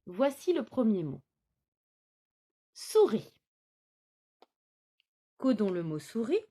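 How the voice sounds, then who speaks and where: A woman teacher giving young children a phonics lesson, spelling out words slowly syllable by syllable. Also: mid-range voice, big pitch swings, warm tone. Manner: slow, clearly articulated, syllable by syllable. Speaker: kindergarten teacher.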